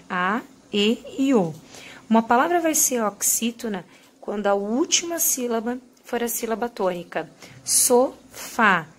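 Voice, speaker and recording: Woman teacher explaining grammar rules. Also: mid-range voice. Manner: explanatory, stresses example words. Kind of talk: classroom lesson explaining rules.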